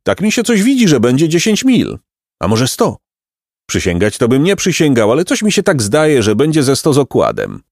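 A man's voice: mid-range voice, huge pitch swings, normal speed, darkish tone, dry recording, clean studio sound, voice pushed up. A man voicing a cheerful, good-natured peasant who talks in a hearty, simple-hearted, laughing way, in a storybook reading. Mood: sly, joking.

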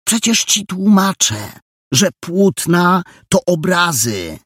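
A man voicing an excitable, bossy young girl detective in a storybook, with emphatic, impatient delivery. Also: medium pitch, a little slow, gravelly, breathy edge, no room sound, studio quality, pitched above the performer's own voice, exaggerated voice. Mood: excited, bossy. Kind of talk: audiobook character voice.

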